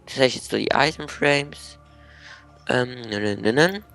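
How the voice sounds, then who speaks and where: A man's voice: mid-range voice, unhurried, gravelly, fairly bright tone, soft background music. A young man with a Swiss German accent, matter-of-factly organizing and bossing his friend around while they play a game. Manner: bossy, organizing, matter-of-fact. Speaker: let's play co-host. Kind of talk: casual gameplay chat.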